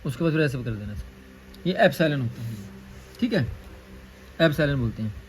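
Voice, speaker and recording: A man teaching an engineering lecture, repeating key terms and dictating formulas slowly. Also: mid-range voice, lively intonation, slight background noise, poor audio.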